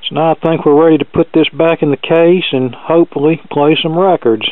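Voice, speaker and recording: Talking a little fast in a fairly high voice with fairly even intonation, a hobbyist repairer explains a hands-on fix plainly and with dry wit. He's in a cluttered indoor electronics workshop, recorded on a camera mic with no room sound but a muffled, narrow, phone-like quality.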